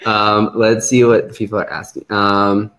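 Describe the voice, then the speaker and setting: A man's voice: on the low side, little pitch movement, unhurried, noisy background. A man hosting a casual live stream, playful and laughing often. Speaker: host.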